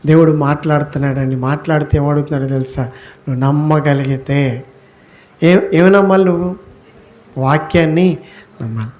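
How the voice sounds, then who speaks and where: Male pastor, fairly high voice, sermon delivery; poses questions then answers, stretches key words slowly. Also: a little mellow, lo-fi sound. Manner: rhetorical questions answered by himself.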